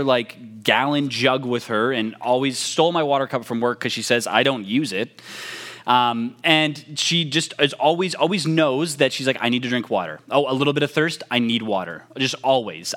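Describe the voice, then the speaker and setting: A young man leads into his sermon with a relaxed, self-mocking anecdote. He talks like a youth pastor chatting with his congregation, full of fillers and asides. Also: medium pitch. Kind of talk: casual sermon opening.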